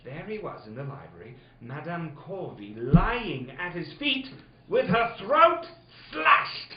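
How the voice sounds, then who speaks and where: An anxious gentleman doctor acted by a man in a comic radio play, theatrical and exasperated. The voice is high and very animated, caught in a roomy, dull-sounding recording. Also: slow pace, crowd noise, exaggerated voice. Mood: grave, dramatic. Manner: theatrical, melodramatic narration. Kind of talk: comic old-time radio drama acting.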